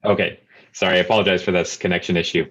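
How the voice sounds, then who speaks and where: A man with a very low voice speaks over an unstable video-call connection. He talks hesitantly, with plenty of filler sounds, while presenting from a hospital. The call audio is dull and lo-fi. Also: flat delivery, very fast, fairly bright tone. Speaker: kidney doctor giving an online talk. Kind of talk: informal educational presentation.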